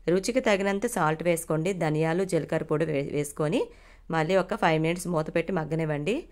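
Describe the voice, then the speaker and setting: A woman hosting her cooking channel, casually narrating a recipe step by step in a friendly, polite way. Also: fairly low pitch.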